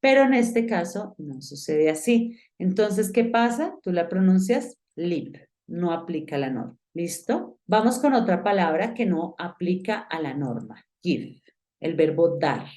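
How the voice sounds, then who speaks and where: A woman's voice: fairly low pitch, sing-song, a little slow, few pauses, warm tone. A woman teaching an online English class, explaining step by step and putting direct questions to the student. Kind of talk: online lesson.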